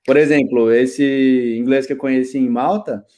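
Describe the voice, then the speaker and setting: A Brazilian man in his thirties, a guest telling stories in a relaxed, slangy, animated way over a video call. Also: medium pitch, normal speed. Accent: Brazilian Portuguese. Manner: lively storyteller, slangy, laughs often. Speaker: guest, IT specialist. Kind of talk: casual interview chat.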